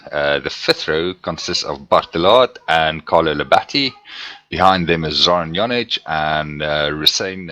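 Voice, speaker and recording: A man's voice: extremely low pitch, pushed and bright. A man co-commentating casually on a live sim race, speaking hesitantly with repeated words. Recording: faint background noise.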